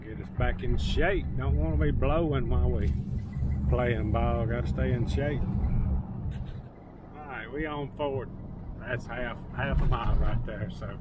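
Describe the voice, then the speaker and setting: A man's voice: unhurried, highs cut off. A man, chatting casually to camera in a farm vlog in an easygoing country drawl, recorded outdoors and in a truck on an action camera. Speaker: vlogger. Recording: noisy with engine rumble.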